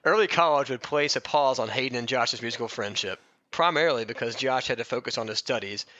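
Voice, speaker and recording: This medium-pitched podcast host talks quickly in a bright, forceful tone as he reads a comic biography aloud, adding jokey asides and readily bursting into laughter partway through sentences. The audio is lo-fi, with a little hiss or hum.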